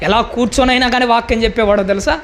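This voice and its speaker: A man's voice: very high-pitched, fairly even intonation, fast, fairly bright tone, slight background noise. A male pastor preaching a sermon with emphatic rhetorical questions.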